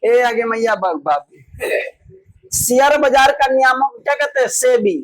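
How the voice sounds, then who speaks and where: A man with a very high voice teaches in a Bihari Hindi accent. He quizzes his students loudly and hammers each answer home by repeating it over and over. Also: animated, a little slow, poor audio. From Bihar, India. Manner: loud, repetitive quizzing that drills students with call-and-response. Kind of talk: classroom exam drill lesson.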